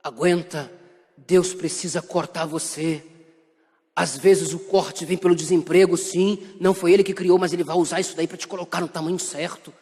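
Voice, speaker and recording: A young man preaching a sermon as a pastor, emphatic and dramatic, rising into shouts. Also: sits high, fairly even intonation, normal speed. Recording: long hall reverb.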